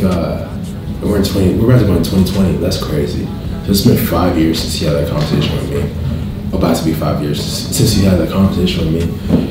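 A man's voice: sits low, recorded from a distance. A man in his late twenties chatting casually and answering questions, rambling and repeating himself. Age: late 20s. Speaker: fitness YouTuber answering questions. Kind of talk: casual Q&A chat. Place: indoor room at a dining table. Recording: echoey room, off the mic, music behind.

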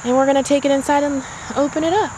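This gardening vlogger, a middle-aged woman, talks quickly in a high, steady voice while touring her backyard garden and chatting upbeat to the handheld camera as she works. Background noise comes through the camera mic, along with the faint hum of insects and crickets.

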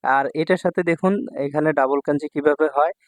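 Man from Bangladesh, kanji teacher, fairly high voice, repeats words, dry close sound. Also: a little fast, dry recording. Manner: repeats words and asks "ঠিক আছে?" often. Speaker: Japanese language teacher. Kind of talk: explaining kanji lesson.

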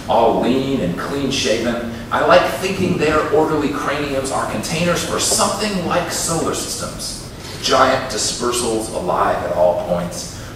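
Poet reading aloud in an echoey hall. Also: male voice, mid-range voice. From Minnesota, USA. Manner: measured reading with wry, offhand asides. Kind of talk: live poetry reading. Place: university reading room before an audience. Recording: echoey room, distant mic, background noise.

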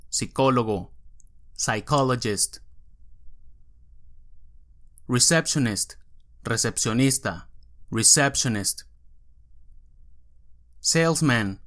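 Guy teaching vocab real slow, says each word clear then pauses, mid-pitched voice. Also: fairly bright tone. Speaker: English teacher. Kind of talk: vocabulary drill, reading words slowly.

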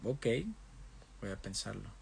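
Young guy on a phone live, husky lowish voice, answers comments in spanish and english. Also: steady tone, unhurried. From Mexico. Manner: reads viewer comments aloud and answers them in turns; switches between Spanish and English. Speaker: livestream host. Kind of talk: casual livestream chat.

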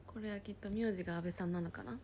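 A woman casually chatting on a livestream, reading viewer comments aloud and often dropping into a soft whisper. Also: mid-range voice, fairly even intonation, fast, background noise. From Japan.

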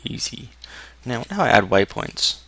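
A man's voice: medium pitch, sing-song, a little slow, fairly bright tone, husky, dry recording. A young man giving casual let's-play commentary, muttering and thinking aloud as he plays. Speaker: gameplay commentator.

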